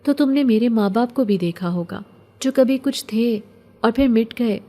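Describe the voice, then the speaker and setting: A woman voicing a lonely, poor young orphan girl who speaks softly and plaintively. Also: on the high side, pitched above the performer's own voice, natural voice. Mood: wistful. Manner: soft, wistful, plaintive.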